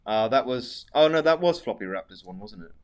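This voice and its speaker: Man, posh British accent, medium pitch, casual livestream chat, dry delivery, swearing, reading out messages. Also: animated, fairly quick. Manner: sweary, dry, tag questions. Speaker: live streamer.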